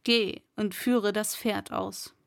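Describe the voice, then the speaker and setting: A woman voicing a harsh, domineering male castle lord in a read-aloud story, speaking slowly. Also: medium pitch, steady tone, creaky. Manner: domineering, scolding.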